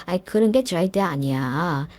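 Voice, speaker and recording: A woman's voice: fairly low pitch, animated, a little slow, darkish tone, no room sound. A woman voicing a desperate, groveling middle-aged man who once bullied his classmate, pleading and whiny with many fillers. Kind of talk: story narration with acted dialogue.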